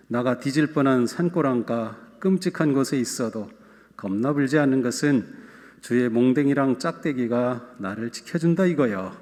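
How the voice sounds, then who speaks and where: A man's voice: medium pitch, dark tone, natural voice. A pastor voicing a folksy rustic man reciting a psalm with a put-on Jeolla accent, in a playful, drawling way. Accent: Jeolla dialect, put on. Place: church sanctuary. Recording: long church hall reverb.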